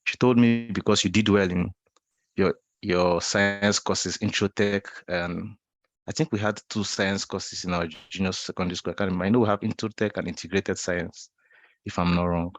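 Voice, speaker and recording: A young Nigerian man in his twenties, low-pitched, speaks at normal speed with fairly even intonation over a video call. Giving an online talk as a guest speaker, he tells a personal story casually, with many repeated and restarted phrases.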